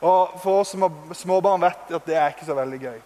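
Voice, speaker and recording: A man in his thirties preaching to young people in an animated, conversational sermon, telling stories and laughing at himself. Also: on the high side. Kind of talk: lively storytelling sermon. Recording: long reverb of a large hall.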